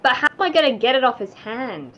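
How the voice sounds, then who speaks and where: A woman's voice: high-pitched, big pitch swings, fast, fairly bright tone. A woman playing a tabletop game, chatting casually in a playful, joking manner. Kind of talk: casual chat during game play. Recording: dull, slightly noisy room recording.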